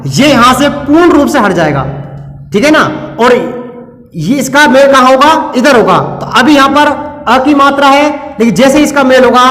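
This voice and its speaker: Guy teacher with a really high voice, asks and answers his own questions, echoey classroom. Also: fairly bright tone. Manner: asks questions and answers them himself, repeating each step. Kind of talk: classroom lesson at a board.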